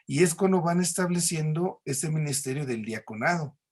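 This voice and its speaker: A man's voice: a little high, expressive, normal speed. A man with a Mexican accent teaching a recorded church class, explaining patiently with homely examples and frequent tag questions.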